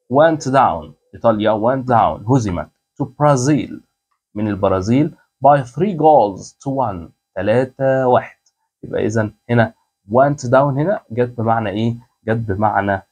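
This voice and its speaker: Man, Egyptian Arabic accent, English teacher, patient, repetitive, breathy voice. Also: medium pitch, a little mellow. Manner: explains patiently, repeats words, asks and answers own questions. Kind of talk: language lesson.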